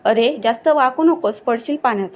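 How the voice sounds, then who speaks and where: A woman's voice: on the high side, normal speed, lightly acted. A woman voicing a carefree, mischievous young village man in a storybook reading, in a casual, teasing tone.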